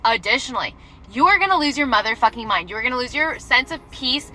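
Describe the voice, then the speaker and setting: A woman's voice: a little high, lively intonation, fast talker, pushed and bright, soft background music, low-quality recording. A young woman giving a blunt, candid explainer in a casual vlog, swearing freely. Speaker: social media poster.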